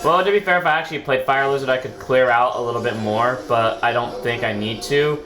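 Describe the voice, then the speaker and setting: Sounding sick from a sore throat, a man narrates his own card game match for a gaming video in a loose, rambling way, frequently correcting himself and occasionally swearing. His voice is medium-pitched, a little fast and fairly bright; the room echoes and faint music plays behind him.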